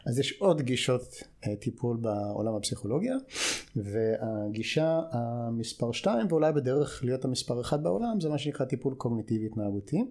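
As an expert interview guest, the American clinical psychologist walks the listener through ideas in a didactic style, with short questions to check understanding. He speaks expressively in a medium-pitched voice with a darkish tone and an American accent.

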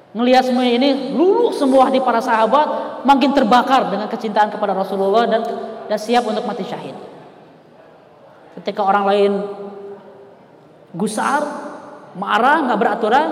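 A man preaching a storytelling sermon, animated and acting out the people he quotes. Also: very high-pitched. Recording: echoey hall with long reverb.

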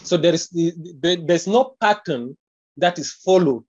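Man, Cameroonian accent, hesitant with many fillers, relaxed dark tone, dry close sound. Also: a little high, measured pace, slightly rough, no room sound, muffled recording. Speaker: interviewee. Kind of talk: casual conversational interview.

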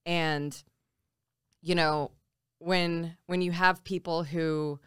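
A woman in her forties from Nebraska, a tattoo artist and jiu-jitsu coach, chats reflectively as a podcast guest in a casual interview, using many fillers and restarts. Her voice is on the low side, steady, smooth and a bit bright, and she speaks extremely slowly. The studio sound is clean, with no room sound.

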